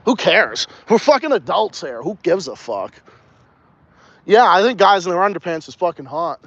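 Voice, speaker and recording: A young man with a slight Texas Southern accent and a high voice hosts a casual outdoor livestream as a podcast host, talking at a moderate pace while he walks around. He's animated, rambling and swears a lot, and the audio is dull with no echo.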